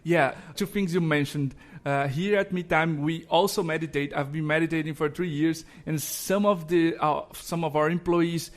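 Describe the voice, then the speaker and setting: A friendly male podcast host from Brazil with a slightly high voice. He speaks in a somewhat halting way and laughs often. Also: fairly even intonation. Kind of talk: podcast interview.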